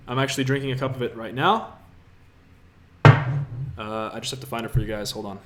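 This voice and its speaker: A Latvian man in his twenties hosts a casual livestream Q&A from an apartment room with a city view, answering viewer questions in an upbeat, motivational way and speaking straight to them. His voice is mid-range and steady, a little fast, with background noise.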